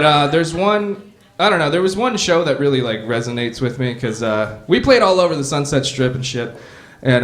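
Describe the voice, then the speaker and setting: A man's voice: mid-range voice, a bit bright. A male stand-up comedian telling profane, laid-back stories on a comedy club stage into a stage microphone. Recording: reverberant club room.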